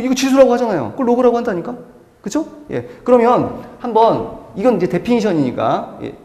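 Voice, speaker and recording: A man's voice: high voice, darkish tone. A male math teacher lecturing a class, emphatic and repetitive, asking questions and answering them himself. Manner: emphatic, repeats key words, asks and answers own questions. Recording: echoey classroom with long reverb.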